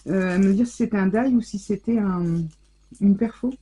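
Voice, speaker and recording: A woman scrapbooking vlogger chats casually through an unboxing, exclaiming over every little thing. Her voice is mellow and warm, with a soft huskiness. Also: mid-range voice, moderate pace, husky, rough recording. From France. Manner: gushing, chatty, exclaims over each item.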